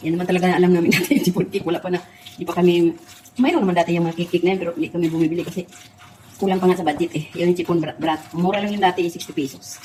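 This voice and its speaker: A middle-aged woman with a fairly low voice, talking casually to her viewers while she makes a dish at home. Her stories swing between laughter and tears. Dishes and pans clink faintly in the background. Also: fairly even intonation, racing, a little mellow, slight background noise, low-quality recording. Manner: chatty, keeps calling out to her viewers. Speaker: cooking vlogger. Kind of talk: casual cooking chat and personal storytelling.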